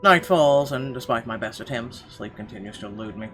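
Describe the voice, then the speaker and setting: With game music in the background, a let's-play gamer voices a horror visual novel's narration dramatically, stumbling now and then. His medium-pitched voice is expressive and fairly bright, moving at a brisk pace.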